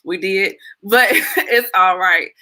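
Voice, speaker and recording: A woman's voice: medium pitch, slow, sharp tone, a little hiss or hum. A woman hosting a podcast, introducing her guest in an upbeat, chatty way. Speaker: podcast host.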